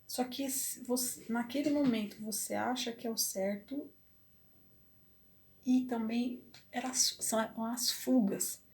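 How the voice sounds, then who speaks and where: Emotional halting woman. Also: a little high, fairly even intonation. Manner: emotional, halting, many restarts. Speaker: vlogger. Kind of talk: personal confessional talk.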